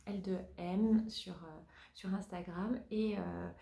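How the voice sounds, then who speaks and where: A woman's voice: lowish voice, fairly even intonation, takes it slowly, gravelly, mellow. A woman hosting a knitting podcast in casual chat, hesitant with many fillers and restarts. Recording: roomy echo.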